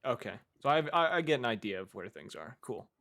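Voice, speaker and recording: A man's voice: medium pitch, very animated, brisk, vocal fry, pushed and bright. A man bantering in a casual, slangy way as a player in a tabletop game.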